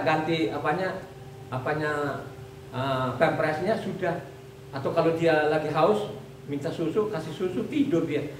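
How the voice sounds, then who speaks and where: A woman's voice: lowish voice, slight background noise. A woman preaching a sermon in a repetitive, conversational way, often calling out to the congregation. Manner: repetitive, addresses the congregation as "saudara". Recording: echoey room, mic far off.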